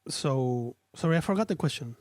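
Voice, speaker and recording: An Argentinian musician and streamer, appearing as a guest, chats casually in an interview in Spanish with his Argentinian accent. Tired from too little sleep, he searches for words and restarts often. His voice is a little high and darkish in tone, expressive at a normal speed, and the studio-quality recording has no echo.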